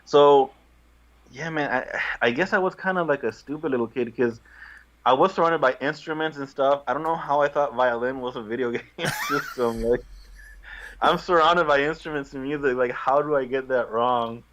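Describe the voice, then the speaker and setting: This is a young man from Guatemala, a musician appearing as a guest in a casual video-call interview, speaking with ease and often laughing at his own expense. His medium-pitched voice is a bit bright and moves at a normal speed. The recording is muffled.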